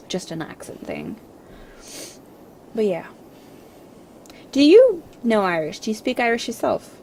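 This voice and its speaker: A woman's voice: medium pitch, vocal fry, darkish tone, slight background noise. A French Canadian woman, a native French speaker, chatting casually on a livestream and rambling with lots of fillers and restarts. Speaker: streamer. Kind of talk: casual livestream chat with viewers.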